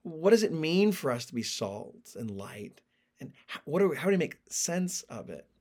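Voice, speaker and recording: A man hosting a podcast, teaching a Bible study in an earnest, deliberate way and eager to explain. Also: on the high side, big pitch swings, a little mellow. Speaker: podcast host.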